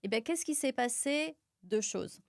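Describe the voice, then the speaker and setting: A middle-aged pharmacist from Auvergne, France, appears as a guest on a podcast, explaining nutrition and micronutrition in an animated way full of fillers. Her voice is slightly high and creaky, at a measured pace, recorded in studio quality with no echo.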